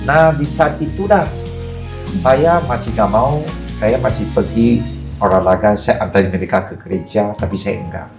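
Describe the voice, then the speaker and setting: Gravelly middle-aged man giving testimony. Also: on the low side, normal speed, music in the background. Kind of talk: casual testimony in podcast. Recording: echoey room.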